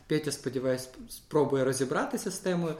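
A man co-hosts a casual school podcast, opening the episode with a light, self-mocking tone. His voice has a middle pitch, and the room adds a clear echo around him. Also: a little fast, a little mellow. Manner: playful, self-deprecating. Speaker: co-host, history teacher.

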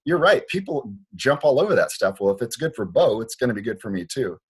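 A man's voice: medium pitch, sing-song, brisk, husky. A man from Liberia, a foot doctor, explaining his views in an earnest, conversational way with frequent restarts. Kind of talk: conversational interview. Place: Portland, Oregon clinic.

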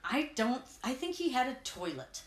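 A woman co-hosting a casual chat, telling stories with lively energy. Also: high voice, normal speed. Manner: animated, laughing storyteller. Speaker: podcast co-host. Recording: echoey room.

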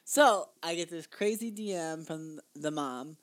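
A man's voice: on the high side, a little slow. A young man co-hosting a casual podcast, telling a family story in a rambling way with lots of fillers and restarts. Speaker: podcast co-host. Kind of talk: casual chat.

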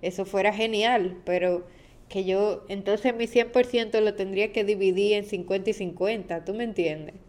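A woman's voice: mid-range voice, fairly even intonation, moderate pace, darkish tone. A young woman hosting a personal podcast, speaking candidly and emotionally about heartbreak and loss, sounding tired and at times searching for her words. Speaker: podcast host.

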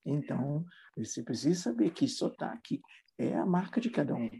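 A man's voice: a little high, lively intonation, moderate pace, creaky, mellow, slightly rough. A man who teaches English, talking at length in an interview conversation and explaining his ideas thoughtfully, with frequent tag questions.

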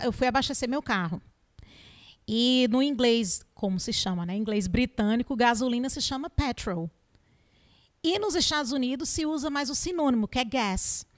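A woman English teacher with a Northeastern Brazilian accent, giving animated interview answers full of examples and rhetorical questions. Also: fairly high pitch. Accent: Northeastern Brazilian Portuguese.

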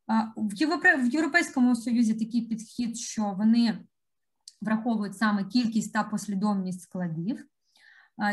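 A woman giving an expert presentation with slides, explaining step by step through examples and often pausing on hesitant fillers. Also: a little high. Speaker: conference speaker.

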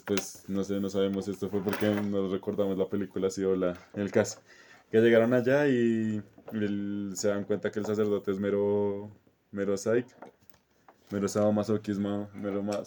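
A man's voice: lowish voice, flat delivery, normal speed, mellow, slight background noise. A man retelling a film plot in casual chat, full of fillers, restarts and laughter. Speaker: podcast co-host retelling a film.

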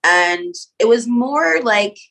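A woman's voice: a little high, lively intonation, takes it slowly, a bit bright, low-quality recording. A woman from Nova Scotia, a guest in an interview, talking casually with lots of "like" and "um" fillers. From Canada (Nova Scotia). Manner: casual, many "like" and "um" fillers, laughs often.

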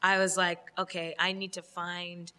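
A woman's voice: lowish voice, level tone, moderate pace, bright, forceful tone, clean tone, in a large hall. A young woman from Los Angeles, speaking candidly as an interview guest and laughing often. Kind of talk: casual interview.

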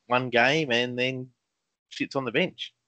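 A man's voice: medium pitch, steady tone, slow, pushed and bright, no room sound. A man co-hosting a casual fantasy football chat, laid-back and jokey with lots of ums. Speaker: podcast co-host. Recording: dull lo-fi sound.

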